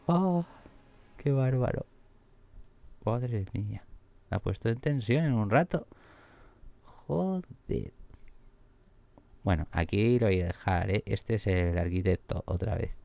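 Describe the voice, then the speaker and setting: A man commenting on his game as he plays, excitable and swearing often. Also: fairly low pitch, gravelly. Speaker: gaming streamer. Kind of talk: let's play commentary.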